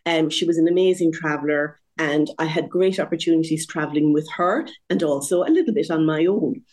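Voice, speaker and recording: Lively woman in her sixties, lower voice. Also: brisk. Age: 60s. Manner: lively, laughs often, self-deprecating. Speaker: guest. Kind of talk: conversational interview storytelling.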